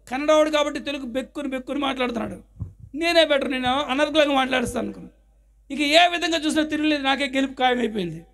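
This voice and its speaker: A man's voice: extremely high pitch, a bit bright. A male pastor preaching his testimony, a dramatic storyteller who acts out the scenes. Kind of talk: sermon with personal testimony.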